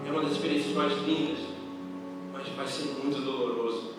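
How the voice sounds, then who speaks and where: A man's voice: medium pitch, steady tone, brisk. Young man, Brazilian accent, youth sermon, slangy and impassioned, long hall reverb, distant mic. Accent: Brazilian Portuguese. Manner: slangy, casual address, builds to loud impassioned preaching. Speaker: youth preacher. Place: church hall. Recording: roomy church hall from far off, music behind.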